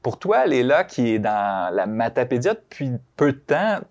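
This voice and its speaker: A man's voice: medium pitch, sing-song, unhurried, a little mellow, muffled recording. Friendly Quebec French male host. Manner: friendly, asks open questions. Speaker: radio host. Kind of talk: hosting a community talk show.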